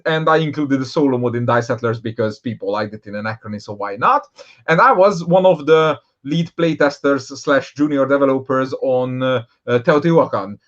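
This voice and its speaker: A man from Hungary, a board game designer telling his story in a casual interview, rambling with lots of fillers and restarts. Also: a little high. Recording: dull, lo-fi sound.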